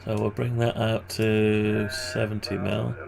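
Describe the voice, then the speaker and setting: A man with a groggy, gravelly morning voice and vocal fry endings, giving casual, hesitant think-aloud commentary on his screen work. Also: lowish voice, level tone, slow pace, crowd noise. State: groggy morning voice, clearing throat. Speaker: maker narrating a design tutorial.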